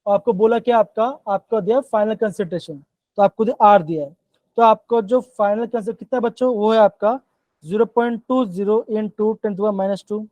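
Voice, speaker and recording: A man's voice: high voice, fairly quick, darkish tone, dry recording, low-quality recording. A man teaching a live online chemistry class, coaxing students with repeated check-ins. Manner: coaxing, repeats "bachchon" and "theek hai". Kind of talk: live online class in Hindi-English mix.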